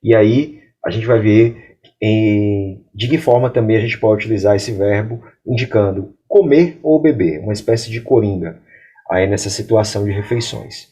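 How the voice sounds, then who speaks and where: A Brazilian Portuguese speaker with a lowish, warm voice teaches English grammar. He explains clearly and takes the English example sentences slowly.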